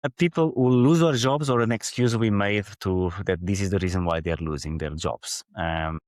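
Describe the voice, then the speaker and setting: A man's voice: lowish voice, normal speed, a little mellow, no echo, clean studio sound. A man from Portugal with a Portuguese accent, a podcast guest explaining his ideas earnestly and at length in run-on thoughts. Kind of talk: conversational interview.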